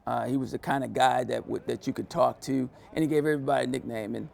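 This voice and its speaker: A man's voice: medium pitch, steady tone, fast talker, vocal fry, darkish tone. A man who once played for the coach, talking earnestly in a sit-down interview and leaning on "you know" as he reflects. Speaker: former player, interview guest.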